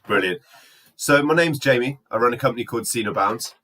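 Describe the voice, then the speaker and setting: A man's voice: mid-range voice, animated, a little fast, fairly bright tone. A man with a South Wales Valleys accent, chatting casually as an interview guest. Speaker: guest, entrepreneur.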